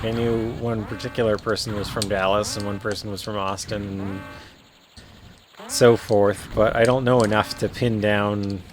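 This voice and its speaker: Slow, rambling Ontario Canadian man. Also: medium pitch, a little hiss or hum. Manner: rambling, musing, many fillers and restarts. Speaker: streamer playing a game. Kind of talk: casual commentary while playing. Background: faint game music.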